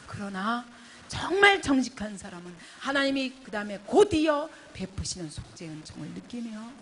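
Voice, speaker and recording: A middle-aged woman pastor preaching a sermon, swinging between quiet, low passages and loud, emphatic outbursts. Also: slight background noise. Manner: impassioned preaching with sharp rises in pitch and volume. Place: church retreat hall.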